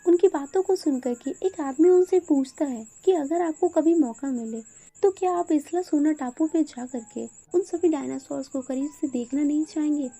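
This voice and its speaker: A woman narrating a film plot as a steady, scripted recap. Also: high-pitched, normal speed. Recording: voice-over with faint background music. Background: faint music.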